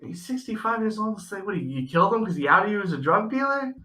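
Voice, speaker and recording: A man's voice: sits high, big pitch swings, quick pace, pushed and bright. A man bantering casually and bluntly as a podcast co-host. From New York. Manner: blunt, sweary, incredulous. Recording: roomy echo, distant mic.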